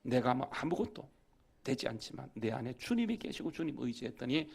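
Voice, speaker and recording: A man's voice: mid-range voice, a little fast, vocal fry, breathy edge. A man preaching a storytelling sermon as a guest pastor in a church, acting out the voices in his story and rising to emphatic exhortation. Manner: animated, acts out dialogue, rising to emphatic preaching. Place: church sanctuary.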